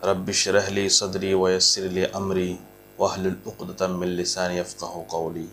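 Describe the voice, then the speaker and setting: A man teaching a recorded Quran reading lesson at a board. He patiently repeats each point and slowly draws out the sounds he demonstrates. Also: low-pitched, monotone, a bit bright, a little hiss or hum. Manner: slow, drawn-out demonstration of sounds.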